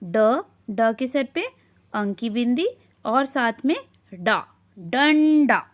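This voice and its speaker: A woman with a high voice gives a children's reading lesson at a very slow, careful pace. She sounds out each syllable on its own and then puts the word together. The recording is dry and close, with no room sound. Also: lively intonation, no room sound. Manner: asks questions and answers them herself. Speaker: teacher.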